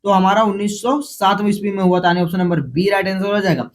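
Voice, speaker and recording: In a quick-fire exam-prep session, a man with a high voice and a Jharkhand Hindi accent reads each multiple-choice question twice before calling out the option letter. He's rushed, often restarting and correcting himself.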